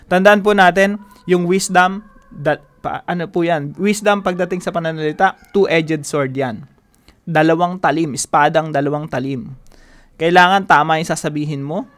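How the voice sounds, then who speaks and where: A man leading a devotional teaching. He talks emphatically, repeats his key phrases and slows down on the English lines. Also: a little high, fairly bright tone. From Philippines. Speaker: devotion leader.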